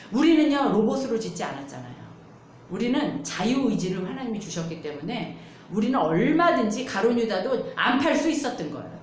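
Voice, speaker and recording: A middle-aged woman pastor delivers a sermon, her pitch rising and falling as she tells stories and acts out quoted prayers. Her voice rings around a church room with a faint hiss behind it. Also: roomy sound. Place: church sanctuary.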